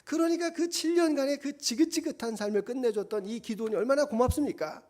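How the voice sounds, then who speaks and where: A man's voice: very high-pitched, fast talker. A middle-aged male pastor preaching a sermon, telling a Bible story vividly and acting out its quotes. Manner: animated storytelling with acted quotes.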